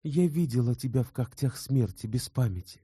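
A man's voice: mid-range voice, animated, normal speed, mellow, slightly rough, no echo, clean studio sound, pitched above the performer's own voice. A man voicing an earnest young woman in love, read tenderly and heartfelt in an audiobook. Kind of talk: audiobook character voice.

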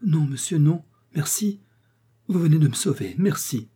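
A man reading aloud and voicing a poor young working woman who pleads and defies her attacker, with a husky, dark tone. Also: on the low side, fairly even intonation, unhurried. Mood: grateful. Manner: pleading, then crying out shrilly.

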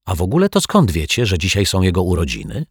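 A man's voice: low-pitched, huge pitch swings, quick pace, creaky, husky, no echo, studio quality, full character voice. A man voicing a grumpy, easily startled male detective who talks sharply and mutters. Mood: puzzled.

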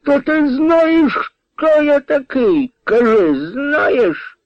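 A man's voice: very high-pitched, big pitch swings, very slow, voice pushed up, full character voice. A man voicing a cowardly drunk husband who whines and stammers, in a dull, dry radio recording. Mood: whining. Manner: whining, stammering.

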